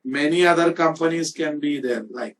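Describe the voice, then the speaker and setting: With an Indian accent, a man leads an informal screen-shared programming lecture, emphatic and repetitive, regularly making sure students follow. His pitch is on the high side and his speed normal, recorded through a microphone that sounds far away.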